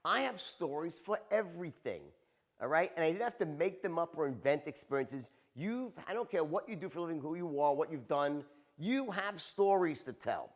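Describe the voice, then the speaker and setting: A man runs a storytelling seminar in an animated, punchy way, checking in with the room after nearly every point. His voice sits a little high for a man and swings widely as he speaks. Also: moderate pace. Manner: animated, tags points with "right?" and "okay?". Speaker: sales trainer.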